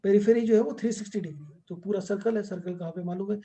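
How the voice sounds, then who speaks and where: Over a video call, a middle-aged man teaches an astrology class in an online lecture, explaining things step by step and slipping English terms into his speech. His voice is high, fast and mellow.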